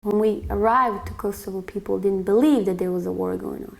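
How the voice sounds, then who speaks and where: A young woman from Bosnia recounts her own story in a quiet, reflective way, pausing often on small fillers. Her mid-range voice carries a gravelly fry at the ends of phrases. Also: medium pitch, steady tone. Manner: reflective, soft-spoken, with frequent fillers. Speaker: interviewee. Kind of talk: personal testimony.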